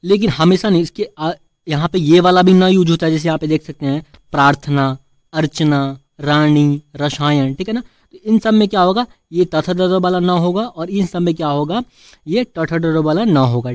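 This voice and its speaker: A man's voice: on the high side, normal speed, darkish tone, no room sound. A man teaching a Hindi spelling lesson, answering his own questions and adding "theek hai" often. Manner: addresses viewers as friends, frequent "theek hai".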